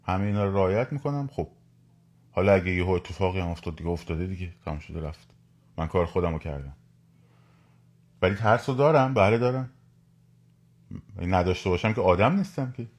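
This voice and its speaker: A man talks to his listeners in a live stream. His voice sits somewhat low, and he presses his points hard, repeating them and asking his audience outright to act. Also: long pauses. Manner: animated, repetitive, urging listeners directly. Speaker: podcast host.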